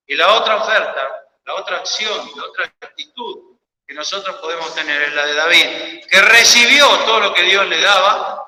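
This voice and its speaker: A man with an Argentine Spanish accent preaching a sermon, swinging from loud cries to hushed pleading. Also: high-pitched. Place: church. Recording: echoey church hall with long reverb.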